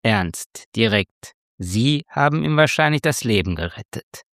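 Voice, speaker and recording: A man reading a tense story aloud as narrator, with slow, measured delivery. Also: lowish voice, expressive, fairly bright tone, no echo, clean studio sound. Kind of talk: scripted narration.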